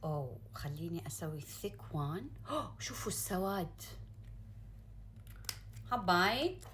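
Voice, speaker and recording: Gulf Arabic woman vlogger, audible background noise. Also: fairly low pitch. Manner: excitable, gushing, drawn-out exclamations; sprinkles in English words and phrases. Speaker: beauty vlogger. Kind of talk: casual unboxing chat to viewers.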